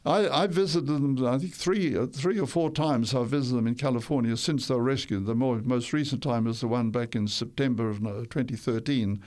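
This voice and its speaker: In a radio interview, an older man raised in Tonga shares stories from his life, wandering off track and correcting himself along the way. His mid-range voice is slightly mellow, and he talks briskly with almost no pauses.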